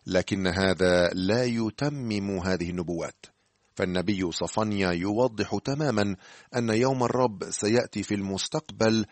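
A man giving scripted radio Bible teaching, speaking to the listener in a measured, earnest way. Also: deep voice, no echo.

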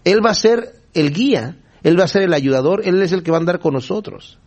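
A man's voice: high-pitched, brisk, a little mellow, dull audio. A man preaching a sermon, reading Bible verses and explaining them in a conversational way, often checking in with his listeners. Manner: conversational, often asks the listeners "¿verdad?", chuckles while explaining.

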